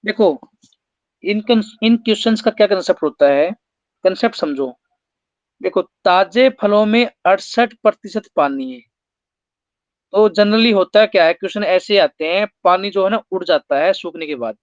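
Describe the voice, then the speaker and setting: A man's voice: sits high, normal speed, dry recording, muffled recording. A man teaching an exam-prep maths lesson, explaining step by step and putting rhetorical questions to his students.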